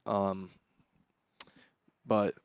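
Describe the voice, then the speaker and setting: A young man doing play-by-play commentary on a school soccer match, jumping up loudly when attacks build. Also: fairly low pitch, extremely slow, gravelly, clean tone, no room sound. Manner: excitable, rising loudly on attacks. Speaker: student sports commentator.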